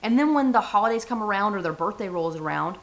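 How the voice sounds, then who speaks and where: A woman with a mid-range, expressive voice talks fast on her own motivational podcast. Addressing her listeners directly, she's upbeat and chatty as she covers leadership and life.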